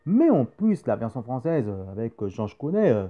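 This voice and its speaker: A man's voice: mid-range voice, sing-song, moderate pace. A man hosting a casual video chat about comics and films, rambling with many fillers and repeating himself. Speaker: YouTube host. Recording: dull lo-fi sound with faint music.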